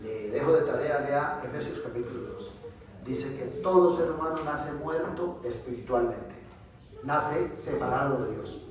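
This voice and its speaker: Colombian male pastor, mid-pitched voice, sermon delivery with amens and questions to the flock, roomy hall sound. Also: background noise. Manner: preaching with frequent amens and questions to the congregation. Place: church. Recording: echoey church hall, mic far off.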